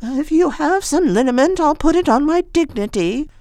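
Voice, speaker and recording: A cheerful, bossy and very old woman in a storybook, fussing in a high, chirpy voice that bounces about, as a reader puts her on, with the sound dry and close. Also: lively intonation, moderate pace, darkish tone, dry recording.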